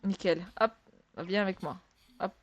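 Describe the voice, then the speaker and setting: A woman's voice: mid-range voice, a little slow, soft background music. A woman giving casual let's-play commentary in French, chatty and exclamatory, talking to her viewers with exasperated asides and sighs. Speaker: gaming video creator.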